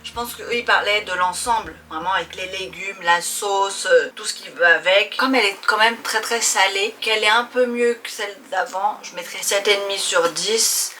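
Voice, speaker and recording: A woman's voice: mid-range voice, normal speed, hardly any pauses, over music. A woman hosting a casual, chatty tasting vlog, speaking informally and playfully to her viewers. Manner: informal, playful familiar address with pet names. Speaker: host of a snack-tasting video.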